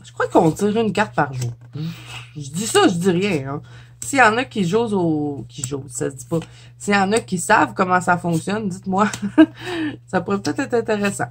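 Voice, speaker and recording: A woman's voice: mid-range voice, big pitch swings, moderate pace, slight background noise. A middle-aged woman with a Quebec French accent, chatting casually in a show-and-tell vlog, laughing often and tripping over her words. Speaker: YouTuber.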